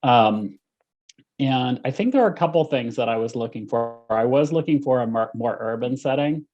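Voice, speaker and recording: A man author in a panel talk, speaking hesitantly with many pauses and restarts. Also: mid-range voice, expressive, darkish tone, soft background music. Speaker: author guest. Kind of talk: panel discussion. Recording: muffled lo-fi audio.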